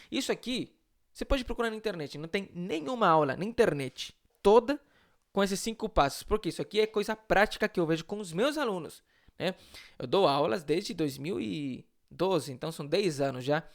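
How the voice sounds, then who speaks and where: Gravelly Chilean-accented man teaching. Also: a little high. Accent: Chilean Spanish. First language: Spanish. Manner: conversational, frequent "né?" tags, asks and answers rhetorical questions. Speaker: Spanish teacher. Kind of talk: live online lesson.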